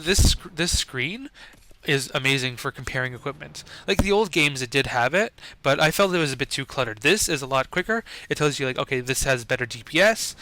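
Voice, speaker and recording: A man's voice: a little high, sharp tone. A young man giving casual, rambling gameplay commentary, full of "um" and "like" fillers.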